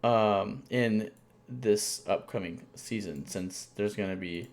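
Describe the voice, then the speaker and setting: A man's voice: fairly low pitch, slow, gravelly, darkish tone. A man co-hosting a sports podcast in casual chat, rambling with lots of fillers and restarts. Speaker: podcast co-host.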